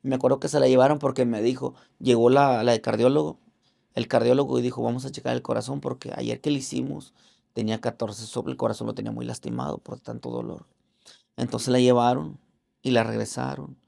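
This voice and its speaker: A man tells his personal faith testimony in an interview. His voice is deeply gravelly and full of fry, at an ordinary middle pitch. He speaks earnestly and haltingly, with religious fervor, and raises his voice to act out what others said. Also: fairly even intonation, dark tone. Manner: acts out other people's words in raised voices. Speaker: interview guest.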